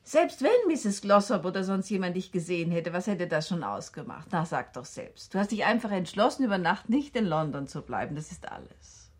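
A lonely middle-aged woman speaks softly in a 1960s radio drama. Her voice is breathy and husky and often falls to a whisper. She sounds gentle and a little uneasy. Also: fairly low pitch, sing-song, brisk. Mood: tender uneasy. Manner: soft and gentle.

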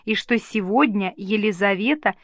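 A woman's voice: mid-range voice, normal speed, dry recording, studio quality, lightly acted. A woman voicing a gracious, dignified and tender queen in an audiobook reading. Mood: gently chiding. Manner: warm, reassuring.

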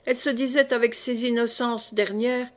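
Lectrice de livre audio, femme à la voix assez aiguë, lecture posée et expressive d'un roman classique. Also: female voice, on the high side. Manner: calm, measured, expressive reading. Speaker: audiobook reader. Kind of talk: literary audiobook narration.

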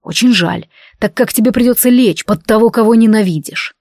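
A woman's voice: on the high side, a little fast, a little mellow, no room sound, clean studio sound. A woman growling as a brutish barbarian warlord. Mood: mocking. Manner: gruff, barking, mocking.

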